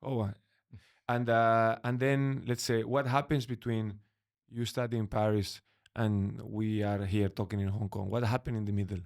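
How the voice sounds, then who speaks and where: A man's voice: on the low side, little pitch movement, normal speed. A man hosting an interview, asking friendly questions with stumbling restarts. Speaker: interviewer, host. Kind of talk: casual interview conversation.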